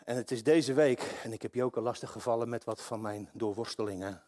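Man, pastor, sermon, impassioned, hushed to loud, middle pitch. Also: fairly even intonation, a little fast.

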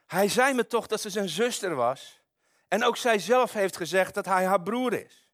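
A man's voice: fairly high pitch, expressive, moderate pace, dry recording, studio quality, lightly acted. A man reading aloud the part of an indignant king who earnestly protests his innocence. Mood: pleading.

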